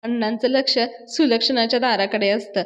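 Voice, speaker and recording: A woman's voice: fairly high pitch, fairly even intonation, fairly quick. A woman hosting a serial review, recapping the episode in a chatty storytelling way. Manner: chatty storytelling, addresses viewers. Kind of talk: casual episode recap narration.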